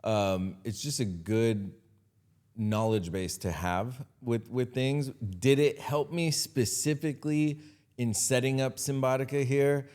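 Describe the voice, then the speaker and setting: A man, a company CEO chatting as an interview guest in a relaxed way, repeating phrases and using many fillers. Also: mid-range voice, unhurried, smooth. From Los Angeles, United States. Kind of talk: conversational interview.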